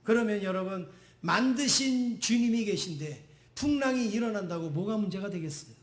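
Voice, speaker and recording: Male pastor, high voice, rhetorical sermon delivery, roomy sanctuary echo. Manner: preaches with rising exclamations and rhetorical questions. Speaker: senior pastor. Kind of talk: Sunday sermon. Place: church sanctuary. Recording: echoey church sanctuary.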